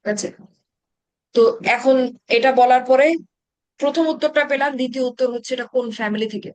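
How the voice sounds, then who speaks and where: A woman's voice: sits high, fairly quick, no room sound. Bengali-accented woman teacher, patient, keeps asking the class stuff, dry close mic. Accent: Bangladeshi Bengali. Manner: explains patiently, asks students questions. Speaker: Arabic grammar teacher.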